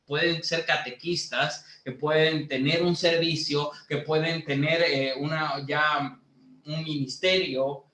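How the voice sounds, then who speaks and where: Male lay preacher from Bolivia, unhurried teaching sermon, echoey room sound. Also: a little high, steady tone, bright, forceful tone. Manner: slow, teaching tone with many fillers, rising to emphatic preaching. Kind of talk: sermon to a youth group.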